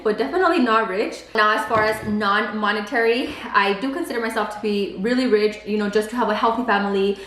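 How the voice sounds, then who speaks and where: The audio is poor and roomy as a Spanish-speaking beauty vlogger in her twenties, who is pregnant, talks casually over a meal. Her pitch is medium and her tone a bit bright, and "like" comes up often.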